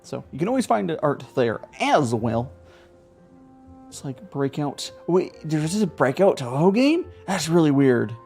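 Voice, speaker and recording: With game music and character dialogue running in the background, a live streamer talks casually during gameplay and mimics the lines for fun. Their mid-range, slightly mellow voice is very animated but unhurried.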